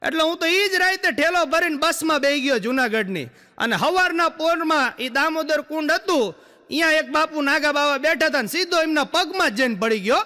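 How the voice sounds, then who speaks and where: A man's voice: very high-pitched, expressive, brisk, bright, forceful tone. A male stand-up comedian, telling punchy jokes with rhetorical asides to the crowd. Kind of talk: live stand-up storytelling. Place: live stage show. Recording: echoey hall reverb.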